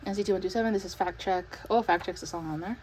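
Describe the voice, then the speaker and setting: A young woman chatting casually as she unboxes an album, talking in an excited, breathless way with lots of fillers. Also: lowish voice, fast, a little hiss or hum, low-quality recording. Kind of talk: casual chat.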